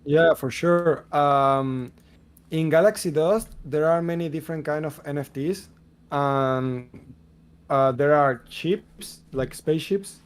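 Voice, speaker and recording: A man with a Spanish accent explains things in a relaxed voice-chat Q&A. His voice is clear and smooth, sitting a little high for a man. He laughs easily between points. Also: slow pace. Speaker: game developer answering questions. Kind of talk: casual voice-chat Q&A.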